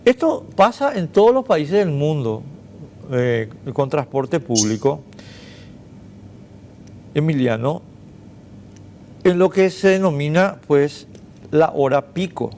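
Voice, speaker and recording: A man with a somewhat high voice hosts a studio debate, pressing his case with emphatic statements. He sets up rhetorical questions and then answers them himself. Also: very animated, slow, pauses often, a little mellow, slight background noise. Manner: argumentative and emphatic, makes points with rhetorical questions. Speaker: talk show host.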